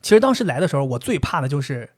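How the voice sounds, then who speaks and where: A man co-hosting a casual podcast, telling a story in an animated way and laughing often. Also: on the high side, rapid-fire. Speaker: podcast co-host.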